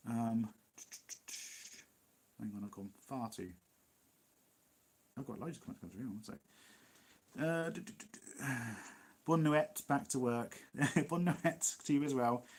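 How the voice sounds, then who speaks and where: An East Midlands English man with a slightly husky voice talks through viewer questions in a loose, chatty way. His sentences wander and restart, and he laughs easily as he goes. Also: medium pitch. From Nottinghamshire, England. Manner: rambling, chatty, laughs often. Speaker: livestream host. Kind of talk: casual live Q&A chat.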